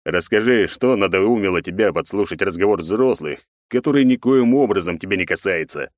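Man doing cold stern emperor, deliberate growl, contemptuous, storybook, dry close sound. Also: deep voice, expressive, no room sound.

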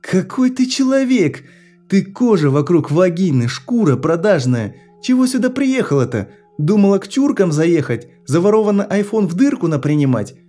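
A man doing a shrill, hysterical teenage boy. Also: sing-song, normal speed, dark tone, soft background music. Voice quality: shrill, breaks into falsetto. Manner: screaming taunts, mocking simpering put-on voice.

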